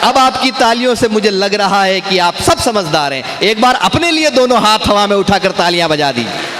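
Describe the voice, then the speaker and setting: High-voiced man reciting comic verse. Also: big pitch swings, bright, forceful tone, a little hiss or hum. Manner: recites verses slowly and emphatically, chats and teases the crowd between lines. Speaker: stage poet. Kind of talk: humorous poetry recitation. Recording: echoey stage sound in a reverberant venue.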